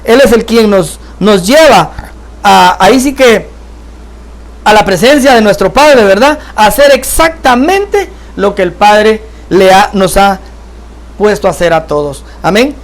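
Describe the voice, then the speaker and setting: A man leads a Bible study with a strikingly high voice. He teaches in an earnest, halting way, restarting phrases and often turning to his listeners for agreement. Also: expressive. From Guatemala. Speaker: church trainer.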